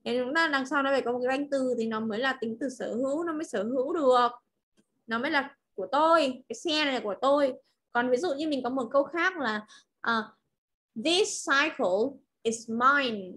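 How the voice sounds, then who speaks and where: A woman from Vietnam with a Vietnamese accent, teaching English pronunciation over a video call, modelling words slowly and clearly before explaining them. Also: sits high, fairly bright tone. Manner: slow drilled modelling of words, then quick explanations. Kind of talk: online class teaching.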